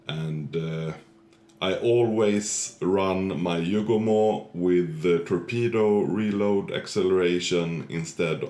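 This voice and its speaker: A man with a muffled voice, congested from a cold, giving halting gameplay tutorial commentary as host of a gaming channel. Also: sits low, a little mellow, reverberant.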